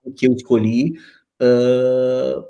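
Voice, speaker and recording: A man's voice: medium pitch, monotone, takes it slowly, vocal fry, dark tone, lo-fi sound. A Brazilian man in his forties, a guest on a video-call interview, talking reflectively with many fillers and restarts. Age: 40s.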